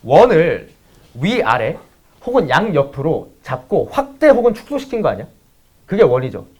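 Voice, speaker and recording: A man's voice: a little high, wildly swooping pitch, moderate pace, darkish tone, breathy edge. A man teaching math to students, mixing a blunt, profanity-laden personal story into a casual lecture. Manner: blunt, swears freely, talks straight to students.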